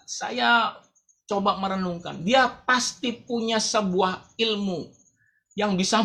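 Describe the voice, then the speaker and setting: A man preaching a sermon as pastor of a church, dramatic and swinging between loud calls and quiet asides. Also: high voice. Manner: acts out the blind man's cry.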